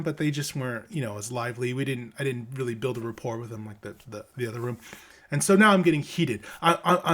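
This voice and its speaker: A middle-aged man casually telling a story from his days as a game tester, rambling with many restarts and acting out the people he quotes. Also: medium pitch.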